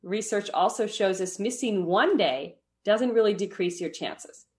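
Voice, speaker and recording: A woman's voice: medium pitch, a little slow. A woman as a podcast guest, explaining meditation habits in a friendly, explanatory way and often checking in with "right?". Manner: explanatory, often tags "right?", light laughs. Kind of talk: podcast interview.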